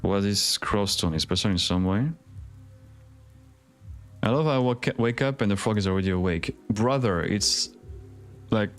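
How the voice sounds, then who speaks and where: A man on a gaming livestream, chatting casually and playfully and reading the game's dialogue aloud, with sudden excited jumps. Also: fairly low pitch, normal speed, pauses often, faint music behind. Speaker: streamer.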